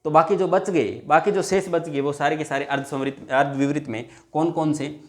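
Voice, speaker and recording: A man's voice: fairly high pitch, steady tone, moderate pace. A male teacher giving a classroom lesson, repeating each point and drawing out example sounds, calling viewers his friends. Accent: Hindi.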